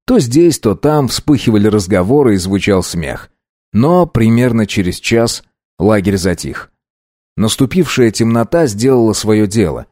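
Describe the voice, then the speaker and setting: A man narrating an audiobook in a steady, even reading. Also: fairly low pitch, measured pace, no room sound, clean studio sound.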